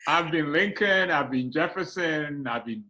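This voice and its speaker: A man born in Ghana, a guest in a casual comedy chat, easygoing and quick to laugh. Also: on the high side, expressive, sharp tone, dull audio.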